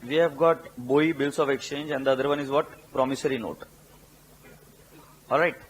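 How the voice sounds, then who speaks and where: A man with an Indian English accent teaching accountancy, mixing Hindi and English, repeating key terms slowly for dictation and asking his students questions. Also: mid-range voice, fairly even intonation, slightly rough. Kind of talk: classroom lecture.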